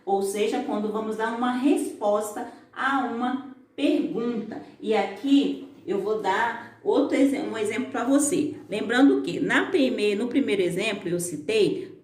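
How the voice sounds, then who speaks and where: A Brazilian woman teaching a remote lesson to young children, her voice pitched a little high. She explains step by step in a patient way and fills her pauses. The sound is echoey, as if recorded in a bare room on a phone. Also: lively intonation, a little mellow. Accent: Brazilian Portuguese. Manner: patient, explanatory, frequent fillers like "né". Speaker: primary school teacher.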